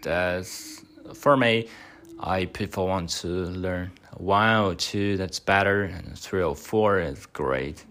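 A podcast host who speaks Chinese as his first language gives mock speaking exam answers. His voice is deep and fairly bright, and he talks slowly and hesitantly with many fillers.

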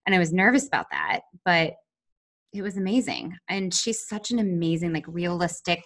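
A woman's voice: on the low side, sing-song, normal speed, fairly bright tone. A woman hosting a podcast in an enthusiastic, conversational way, sometimes from a prepared script. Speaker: podcast host. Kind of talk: casual podcast chat with scripted intro.

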